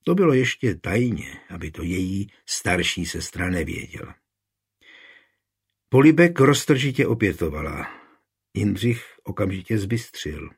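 Husky-voiced man, measured audiobook narration of a historical tale. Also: deep voice, big pitch swings.

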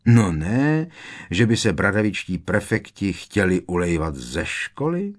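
A man's voice: low voice, sing-song. A man voicing a cheeky, mischievous teenage prankster in an audiobook, teasing and cocky.

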